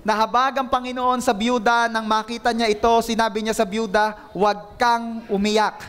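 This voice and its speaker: A man's voice: extremely high pitch, level tone, moderate pace, a bit bright, smooth. A male pastor giving an emphatic sermon, calling on the congregation to repeat after him and mixing Tagalog with English.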